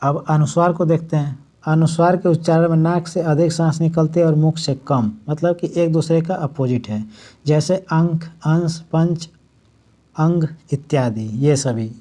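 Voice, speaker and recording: A man teaching a Hindi grammar lesson for exam prep, explaining step by step, restating points and slowly drawing out the example words. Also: fairly high pitch, warm tone.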